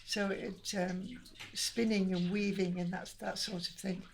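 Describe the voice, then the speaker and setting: An older woman from Manchester, England, with a Lancashire accent, reminisces as an interviewee in a casual chat, rambling and often restarting sentences. Her everyday middle-pitched voice is a little slow, with vocal fry and little pitch movement. Faint hiss sits in the background.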